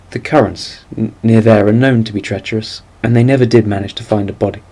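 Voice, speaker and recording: A man reading a game's text aloud and joking about it in wry asides. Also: mid-range voice. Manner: wry, laughs at the dark twists. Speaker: game streamer.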